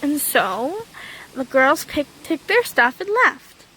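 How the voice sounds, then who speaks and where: A woman telling a fairy tale in a lively, unscripted way, with small slips and repetitions. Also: high voice, slow, poor audio. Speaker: storyteller. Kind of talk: casual storytelling.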